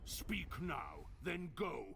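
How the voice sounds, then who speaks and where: Creaky, slow, menacing undead lord. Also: male voice, a little high, wildly swooping pitch, a bit bright, soft background music, heavily acted. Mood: cold threat. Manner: slow, threatening, theatrical.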